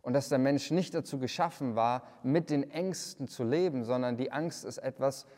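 A man's voice: mid-range voice, normal speed, darkish tone. Earnest man preaching in a reverberant hall. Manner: earnest, repeats words and restarts often. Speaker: pastor. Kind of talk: livestreamed sermon.

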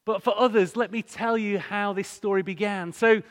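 A man's voice: high-pitched, fairly even intonation, normal speed. Northern English man preaching in a reverberant hall. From Hull, England. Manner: conversational, rhetorical questions to the congregation. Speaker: guest speaker at a church. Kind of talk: sermon-style talk with storytelling. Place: large church hall, live talk to a congregation. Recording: echoey hall with long reverb.

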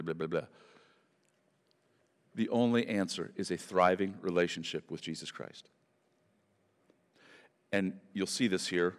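A male pastor preaches at a pulpit microphone in a church, emphatic and building toward fervent repetition. His voice is low with a clean tone, carried by long hall reverb.

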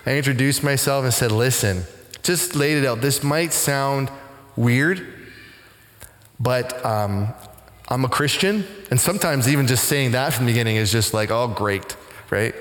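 A middle-aged man, a pastor, telling a story in a conversational sermon and growing animated as he recounts it. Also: moderate pace. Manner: conversational, animated when retelling, rising pitch in excitement. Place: church sanctuary. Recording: long hall reverb in a church.

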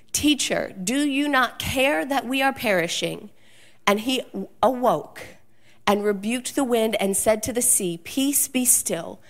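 In a fairly high voice, a woman preaches a sermon, animatedly telling a personal story and acting out the quotes.

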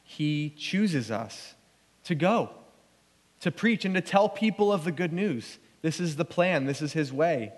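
A man's voice: fairly high pitch, expressive, unhurried. Earnest male pastor in a reverberant church. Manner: earnest, conversational preaching with restarts. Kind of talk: sermon. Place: church sanctuary. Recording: long church hall reverb.

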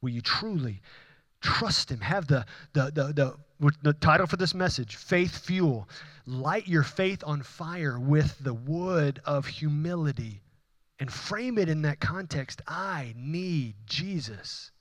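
With a voice on the high side, lively intonation and a slow pace, the pastor from Houston, Texas delivers an impassioned sermon in church, stacking repeated emphatic phrases into rising runs. The tone is fairly bright and the recording dry.

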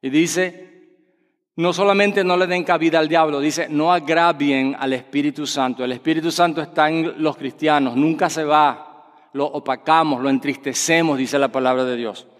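A man's voice: fairly high pitch, steady tone. Man preaching in a reverberant hall. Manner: explains with everyday examples, measured emphatic delivery. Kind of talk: sermon. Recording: long reverb of a large hall.

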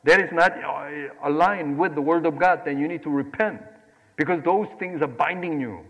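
A man from Korea preaching a sermon, animated, swinging between loud exclamations and quiet asides. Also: fairly high pitch, moderate pace, big-room sound, dull audio. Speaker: pastor.

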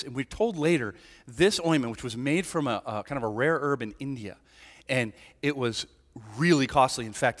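Animated man preaching in a reverberant hall. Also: a little high. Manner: animated, conversational preaching with frequent "right?" asides. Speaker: pastor. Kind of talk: sermon.

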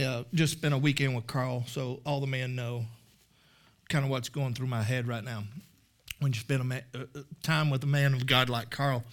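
A man preaching a sermon in a church, speaking candidly, with many halting restarts. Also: mid-range voice. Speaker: guest preacher. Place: church sanctuary.

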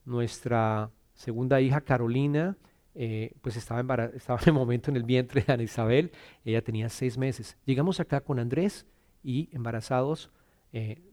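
In a warm, medium-pitched voice, this middle-aged man from Bogotá, Colombia, tells his testimony at church. His delivery is sincere and hesitant, full of repeated words and restarts.

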